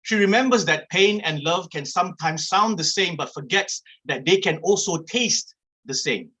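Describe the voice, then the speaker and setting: Man, slightly high bright voice, measured reading with pauses; poet at an open mic. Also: animated, husky, rough recording. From Malaysia. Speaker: guest poet.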